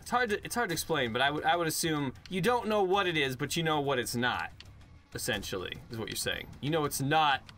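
A man's voice: on the high side, animated, quick pace, hardly any pauses, pushed and bright, soft background music. A man hosting a let's play, chatting casually and jokily as he plays. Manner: jokey, playing along, laughs easily. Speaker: let's play host, gamer. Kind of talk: casual gameplay chat. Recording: clear game noise behind the voice. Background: video game sound effects and ambience.

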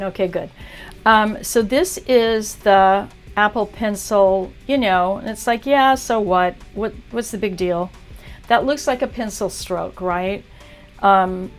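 A woman teaching art on a livestream, chatting casually as she talks viewers through a drawing demo. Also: mid-range voice. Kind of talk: live demo tutorial.

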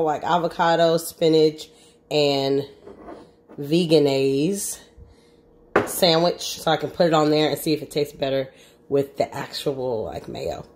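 This vlogger has a low, darkish voice and chats casually in her cooking video, peppering her speech with "like" as she eats. The recording has an echoey room sound.

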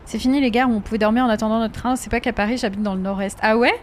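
Woman streaming a game, fairly high voice, chatty, talks back to chat, some english w/ french accent, faint noise behind. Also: steady tone, very fast. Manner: chatty, reacts to viewers' messages. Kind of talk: live-streamed gameplay chat.

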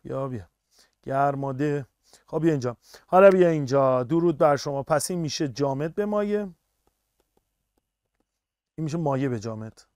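A male teacher runs a live online physics lesson, coaxing his students to answer and praising them again and again. His voice sits high and comes through smooth and clear. The sound is close and dry, with no room around it. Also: long pauses, no room sound. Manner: energetic, urging students on, praising often. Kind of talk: live online class lecture.

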